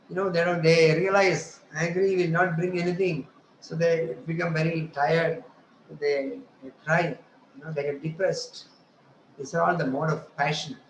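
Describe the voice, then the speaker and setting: A man gives an informal spiritual lesson, often asking "right?" and slipping into the voices he quotes. His voice sits a little high for a man. The recording has a roomy echo and a faint noise underneath. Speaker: spiritual teacher. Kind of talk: conversational religious lecture.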